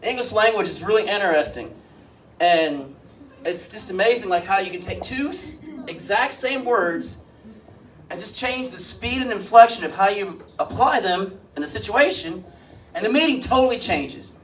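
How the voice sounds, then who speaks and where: A man with a high voice delivers a stand-up set in a flat, deadpan way, landing crude one-liners. The sound is a live club recording, caught a little far from the mic with a faint hiss under it. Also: normal speed. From Springfield, US. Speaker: stand-up comedian. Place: comedy club stage. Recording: live club mic heard from a distance, light noise.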